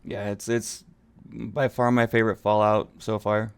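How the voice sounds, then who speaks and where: A man's voice: fairly low pitch, flat delivery, a little slow, creaky, clean tone. A man co-hosting a casual gaming podcast, opinionated and ranting in bursts. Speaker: podcast co-host.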